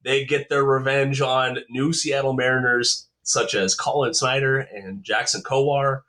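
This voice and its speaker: A young male podcast host chats in an upbeat, easygoing way and reacts quickly to his co-host. His voice sits at a medium pitch. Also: steady tone, bright, forceful tone. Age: young adult. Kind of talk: casual chat.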